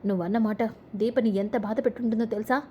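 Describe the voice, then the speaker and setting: Give me a woman doing a firm young family man with a dark, mellow voice. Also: fairly high pitch, fairly even intonation, quick pace, slight background noise, close to an everyday voice. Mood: angry. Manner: sharp scolding toward his mother.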